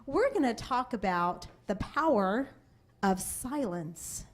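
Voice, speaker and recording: A woman's voice: fairly high pitch, big pitch swings, slow. A woman sales trainer speaking to a seminar audience in a room, telling stories and acting out family voices. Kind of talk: seminar talk to a live audience.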